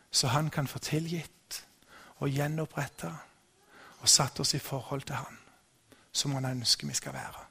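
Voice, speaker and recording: A middle-aged man preaching a sermon, telling a personal story in a relaxed, conversational way with frequent restarts. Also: on the high side, breathy edge. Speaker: pastor.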